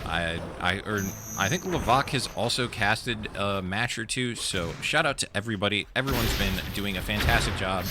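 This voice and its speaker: A man casting a live online shooter match as the host, easygoing between rounds and quicker and louder in the action. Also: fairly low pitch, very noisy. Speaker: esports caster. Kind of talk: live play-by-play commentary.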